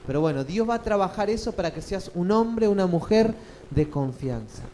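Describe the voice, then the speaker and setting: A man's voice: sits high, lively intonation, normal speed, darkish tone, slight background noise, low-quality recording. A male pastor, preaching a sermon and often asking the congregation questions. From Chile. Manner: asks the congregation frequent questions.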